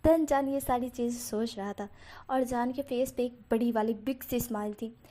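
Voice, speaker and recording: A woman's voice: a little high, moderate pace, warm tone. A woman host casually retelling a fanfiction story to her viewers in a chatty way, full of fillers and direct asides. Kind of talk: casual spoken story narration.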